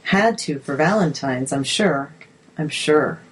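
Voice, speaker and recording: A woman voicing a gentle, friendly male doctor in a read-aloud story, making easygoing small talk. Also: low voice, lively intonation, slow pace, a little hiss or hum.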